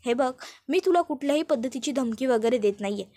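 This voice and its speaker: Firm, reasoning young woman, read by a woman narrator, high voice. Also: animated, a little fast, warm tone.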